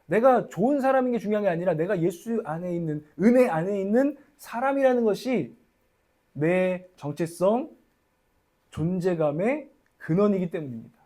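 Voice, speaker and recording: A man's voice: sits high, expressive, normal speed, warm tone. A young man preaching a sermon as a church pastor, candid and confessional, acting out his own inner voice.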